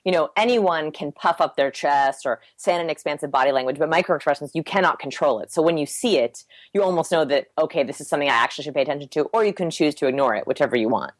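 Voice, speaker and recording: A young adult woman, a behavior researcher, talking fast and eagerly as a guest on a podcast interview. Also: low-pitched, no room sound. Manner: fast, animated explaining.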